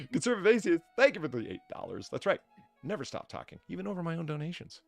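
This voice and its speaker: A man's voice: on the high side, wildly swooping pitch, fairly quick, creaky, no room sound, faint music behind. A man hosting a casual livestream podcast, reading out donations and rambling profanely between topics.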